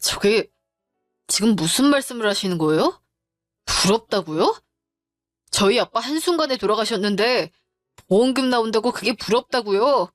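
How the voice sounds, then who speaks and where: Woman voicing a grieving young adult daughter, tearful, firm, confrontational, slightly high voice. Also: animated, normal speed, pauses often, dry recording, clean studio sound, faint music behind, close to an everyday voice. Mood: upset. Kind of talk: storytelling drama voice acting.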